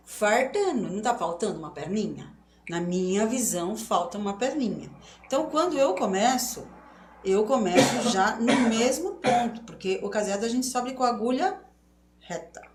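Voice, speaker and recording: A woman's voice: medium pitch, lively intonation, moderate pace, darkish tone. A middle-aged woman teaching embroidery stitches in a live online class, explaining step by step and often checking that viewers follow. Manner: chatty, explains step by step with many checks like "tá certo?". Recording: roomy echo, faint noise.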